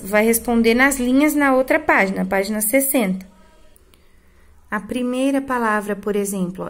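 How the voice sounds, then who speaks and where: Affectionate Brazilian woman teacher, somewhat high. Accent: Brazilian Portuguese. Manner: affectionate, drawn-out example words with frequent "tá?" check-ins. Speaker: school Portuguese teacher. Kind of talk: recorded remote lesson.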